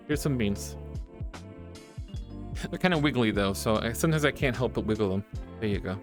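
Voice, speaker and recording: A man chatting casually on a live stream, reading chat and giggling often as he rambles. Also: a little high.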